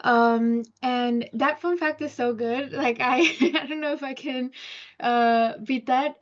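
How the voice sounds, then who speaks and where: A woman's voice: sits high, steady tone, takes it slowly, dull audio. A woman in her twenties, an architecture student speaking as a webinar panelist, rambling and hedging with many fillers. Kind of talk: casual chat.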